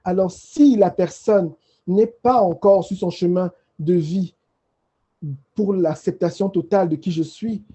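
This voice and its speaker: Dark-voiced man sharing his faith story. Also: sits high, breathy edge. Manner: emotional, halting storytelling with repeated phrases. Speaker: panelist. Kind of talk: personal faith testimony.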